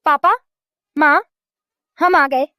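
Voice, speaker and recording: A woman voicing a sweet, gentle and forgiving young girl in a dubbed cartoon, earnest in her pleading. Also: high-pitched, very slow, no room sound, clean studio sound, exaggerated voice.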